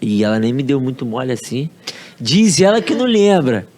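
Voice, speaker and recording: A man from Rio de Janeiro with a Carioca accent, a podcast guest telling a personal story in slangy, relaxed talk and acting out quoted dialogue. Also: medium pitch, normal speed, slight background noise. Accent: Carioca Brazilian Portuguese. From Rio de Janeiro, Brazil. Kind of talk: casual storytelling.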